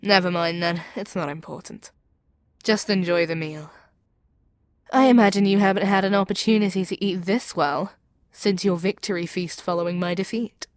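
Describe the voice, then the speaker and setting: Playing a proud, seductive demon queen in ASMR audio roleplay acting, a woman speaks to her captive with theatrical command and persuasion, fitting an intimate audio drama, now in a dismissive mood. Her somewhat low voice holds a steady tone at normal speed, very dry with no room sound and close to her everyday speech.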